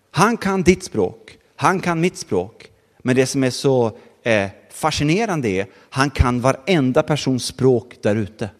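Man preaching, chatty storyteller, keeps asking the crowd stuff, long echo in a church hall. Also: medium pitch. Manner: lively storytelling with audience asides. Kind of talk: sermon.

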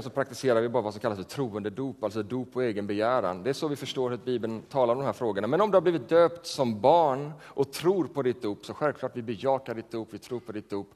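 In a church sanctuary, a male pastor preaches conversationally, often putting questions to the congregation. His mid-range voice is a little mellow, and long church reverb fills the recording.

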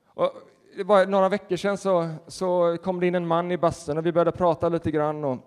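A man who is a pastor, preaching a sermon and telling stories in a lively way with acted-out quotes. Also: high-pitched, smooth. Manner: animated storytelling with laughter and acted-out quotes. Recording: reverberant hall.

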